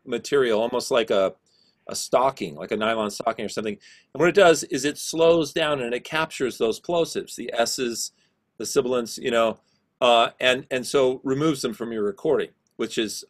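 Over a video call, a low-voiced, middle-aged man leads an online class, his casual explanations peppered with fillers.

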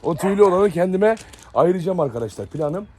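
With a high, husky, expressive voice and a darkish tone, a Turkish man speaks at a quick pace while touring his outdoor dog yard and kennels. A dog breeder vlogger, he keeps up a casual, chatty talk to camera and addresses viewers often.

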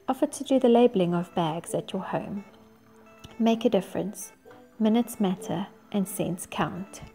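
A woman's voice: medium pitch, warm tone. A woman with a South African accent reading scripted church announcements.

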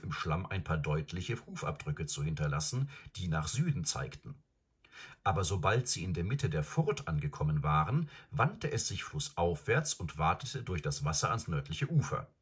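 Deep husky male storyteller. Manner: expressive, varied storytelling. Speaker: audiobook reader. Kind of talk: audiobook narration.

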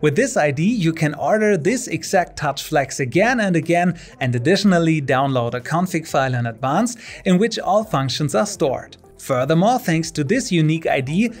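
A man narrating a scripted product demonstration in a clear instructional tone. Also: fairly high pitch, animated, normal speed, hardly any pauses, soft background music.

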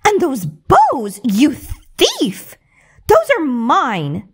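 A woman's voice: high voice, very animated, unhurried, darkish tone. A woman voicing a cruel, mocking middle-aged stepmother in a bedtime story. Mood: shrieking. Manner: sneering, mocking.

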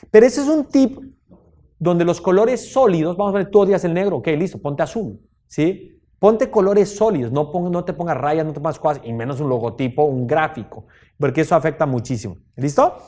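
A man giving a live seminar talk on stage, animated, often checking in with his listeners through quick tag questions and deliberately raising and dropping his voice. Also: fairly high pitch. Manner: deliberately raises and drops his voice. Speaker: seminar lecturer. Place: stage before a live audience.

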